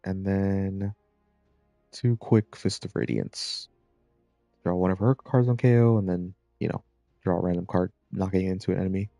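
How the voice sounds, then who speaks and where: A man giving relaxed, rambling commentary while playing a video game, with plenty of filler words. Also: low-pitched, moderate pace, creaky, no room sound, soft background music. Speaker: gameplay commentator. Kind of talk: casual gameplay commentary.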